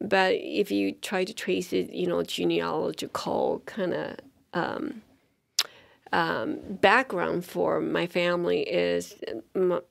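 A middle-aged woman from Taiwan, a university dean, is interviewed in a small, bright indoor studio with a sofa, speaking into a studio mic on a stand. Her voice is lowish and creaky with fairly even intonation, and she takes her time. In this interview conversation she sounds thoughtful, with many fillers and restarts.

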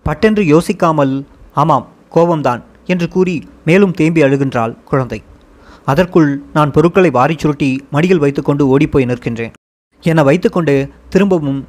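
A man narrating a first-person memoir as an audiobook, in a steady, earnest storytelling manner. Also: on the high side.

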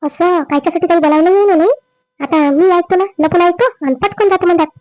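A woman playing a greedy, scheming young wife in a family drama skit, with a quick, complaining manner. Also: extremely high pitch, a little mellow, no room sound, soft background music. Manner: quick, complaining, rising whine. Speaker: daughter-in-law.

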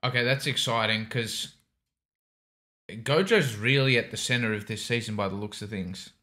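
A man's voice: on the low side, normal speed, sharp tone. A young man chatting casually as a reaction host, in hesitant, rambling phrases. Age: young adult. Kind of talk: casual chat commentary. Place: small indoor home studio. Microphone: microphone on a desk boom arm.

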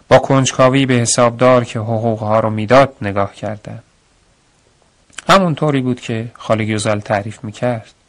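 Man narrating a radio story. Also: mid-range voice.

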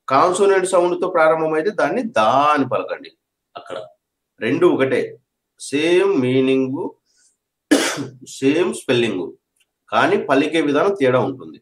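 A man's voice: a little high, lively intonation, normal speed, pauses often. A man teaching an English grammar lesson, repeating each point and checking that his students understand. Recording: echoey room.

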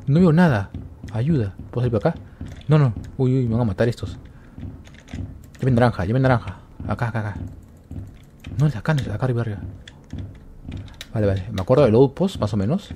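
A man narrates a horror game as he plays, his voice leaping up and down as he yelps and repeats himself in fright. Quiet music plays behind him. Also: medium pitch. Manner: jumpy, yelps and repeats words when scared. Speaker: gaming YouTuber. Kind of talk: excited game commentary.

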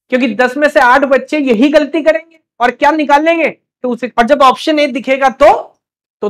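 A young man leads a live class, firing quick questions at students and teasing them with playful scolding to keep them going. His voice is very high-pitched with a slightly bright quality.

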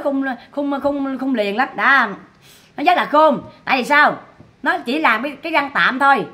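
Scolding woman, bright voice. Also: high voice. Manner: scolding, repetitive, emphatic. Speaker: online commentator. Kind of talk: gossip commentary livestream.

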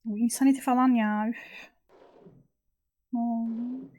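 A woman's voice: fairly high pitch, steady tone, measured pace, a little mellow. A young woman hosting a casual let's-play, reacting to the game, joking and swearing freely. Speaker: gaming channel host.

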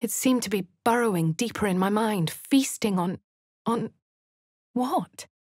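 A woman with a posh English accent speaking a game hero's lines and first-person narration in a measured way. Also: mid-range voice, a little mellow, slightly rough, dry recording, studio quality. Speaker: player character voice. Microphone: studio mic.

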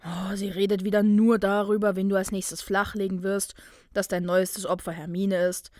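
A woman voicing a brooding young male wizard student, quiet and guilty. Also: little pitch movement, moderate pace, no room sound, studio quality, natural voice. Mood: subdued. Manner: quiet, subdued, low murmur.

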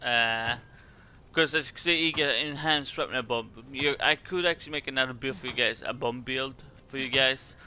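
A man's voice: mid-range voice, normal speed, pushed and bright, slight background noise. A man from Sweden with a Swedish accent gives casual game commentary in a hesitant, rambling way, repeating words as he goes. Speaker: gaming video creator.

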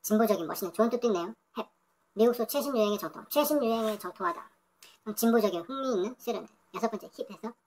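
Brief: woman, brisk study-video tutor, reads definitions, repeats words, asides. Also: mid-range voice, slight background noise. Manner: repeats words over and over, thinks aloud. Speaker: english vocabulary teacher. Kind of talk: reading dictionary entries aloud with comments.

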